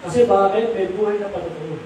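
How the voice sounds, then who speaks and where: A middle-aged or older man preaches with a voice that sits high, moves fairly quickly and has a darkish tone. He weaves English through his Tagalog and throws rhetorical questions at the crowd, recorded at a distance in an echoey space with faint noise.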